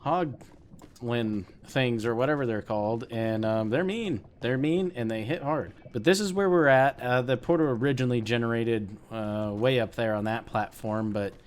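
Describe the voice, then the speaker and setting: Guy doing chatty game commentary, mid pitch, gets all worked up over finds, faint hiss behind. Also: moderate pace. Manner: chatty, easily excited, talks to viewers. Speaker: let's play host. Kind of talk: casual gameplay commentary.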